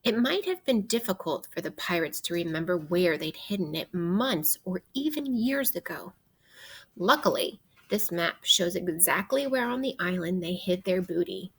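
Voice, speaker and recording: A slightly raspy female teacher with animated pitch reads a children's nonfiction book aloud interactively. She keeps it expressive, pausing and asking questions to guide the young listeners.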